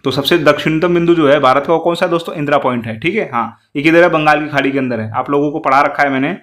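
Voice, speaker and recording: A man's voice: fairly high pitch, a bit bright. A man teaching an exam-prep lesson, walking through quiz answers and repeatedly putting questions to his students. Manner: fast, repetitive, keeps asking the class questions.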